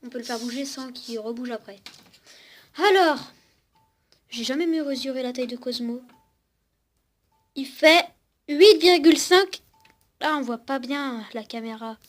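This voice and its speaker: A woman's voice: sits high, measured pace, long pauses, fairly bright tone. A young woman casually showing off a toy robot at home, chatting with it and with her viewers. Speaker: vlogger demonstrating a toy robot. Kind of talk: casual unboxing-style demo. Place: at home with a cat on her lap. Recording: noisy home recording.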